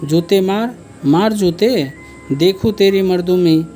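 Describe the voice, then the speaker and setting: Man voicing a feisty village wife in a storybook, scolding, low and slow. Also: dark tone, faint music behind. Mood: defiant scolding. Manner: defiant, scolding. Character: fierce village peasant woman, sharp-tongued.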